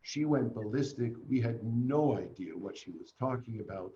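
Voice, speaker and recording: An older man from Canada tells his story as an interview guest, earnest and animated. His voice is mellow and dark. The sound is dull and roomy, with a faint hiss behind it, like a home video call. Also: medium pitch, normal speed.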